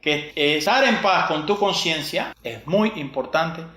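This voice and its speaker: A man's voice: a little high, animated, measured pace, pushed and bright. A man, possibly, preaching a sermon, asking rhetorical questions and repeating verses. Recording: echoey room.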